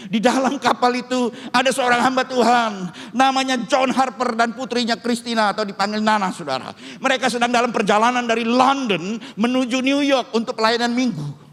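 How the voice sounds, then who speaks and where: A middle-aged man, a pastor, preaching a sermon and telling a story to his congregation. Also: high-pitched. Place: church hall. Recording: long church hall reverb.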